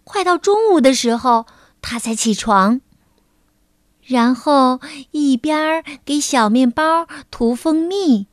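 A woman teacher narrating a children's picture book in a gentle, measured storytelling manner. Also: high-pitched, no room sound, clean studio sound.

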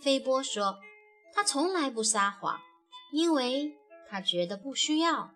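Woman narrator, children's storybook, gentle, expressive, lively high voice. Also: a little slow. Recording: faint background music.

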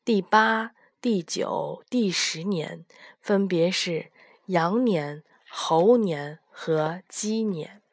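A woman's voice: on the low side, drawn-out words, dry recording, clean studio sound, heavily acted. Woman voicing the kindly Jade Emperor. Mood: pleased. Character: kind old male Jade Emperor, ruler of heaven.

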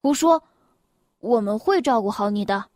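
A self-important rabbit playing doctor, as a woman storyteller puts him on, pompous and deliberate. The voice is pushed lower than the reader's own, recorded dry and close. A children's storybook reading. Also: lively intonation, a little mellow, no echo, natural voice.

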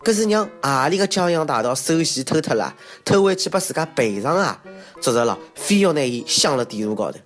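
A man's voice: fairly high pitch, very animated, fairly quick, soft background music. A man with a Shanghainese accent hosting a comic monologue in a self-mocking, exclamatory way with theatrical asides. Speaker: comedy show host. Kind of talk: comedic monologue on odd news.

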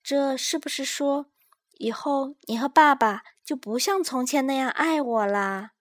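A woman's voice: sits high, unhurried, pitched above the performer's own voice. A woman voicing a small, anxious little boy who keeps asking questions in a children's story. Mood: wistful.

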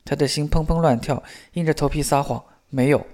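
A man narrating a novel aloud in a steady, measured storytelling manner. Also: on the high side. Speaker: audiobook narrator.

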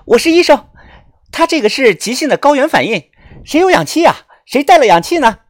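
A young woman doctor, put on by the narrator, speaks high and pressing. Her voice sits well above the narrator's own. She gives quick commands and tries to calm people, in a dry, close audiobook sound. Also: no room sound. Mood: urgent. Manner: urgent, commanding.

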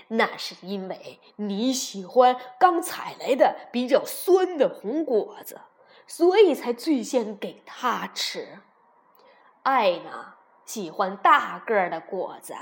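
A woman voicing a big, loving male T-rex father who calls out loudly and emotionally in a children's storybook. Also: medium pitch. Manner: calls out loudly, voice cracking with tears.

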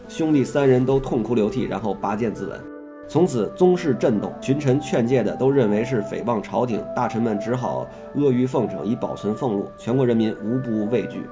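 A man's voice: medium pitch, expressive, a little fast, music in the background. A man reading a classical history text aloud, stopping now and then to ask questions and add his own comments.

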